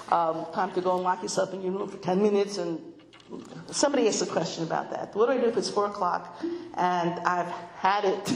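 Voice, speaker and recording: A middle-aged woman giving an informal talk to women, telling stories with animation and voicing children in a high pitch. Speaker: speaker addressing a women's audience. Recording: echoey room with faint noise.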